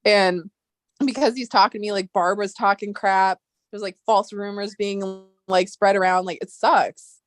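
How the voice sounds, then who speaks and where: A woman's voice: mid-range voice, steady tone, moderate pace, dry recording, studio quality. A woman hosting a casual chat, talking freely, laughing often and poking fun at herself. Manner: chatty, laughs often, self-deprecating. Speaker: host.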